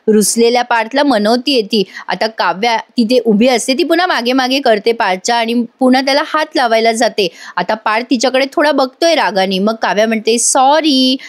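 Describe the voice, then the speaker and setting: A woman's voice: fairly high pitch, no echo, clean studio sound. A woman with a Marathi accent recapping a TV serial in a voice-over, talking straight to her viewers. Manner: chatty, addresses viewers directly. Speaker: TV serial reviewer. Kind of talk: episode recap voice-over, reading out dialogue.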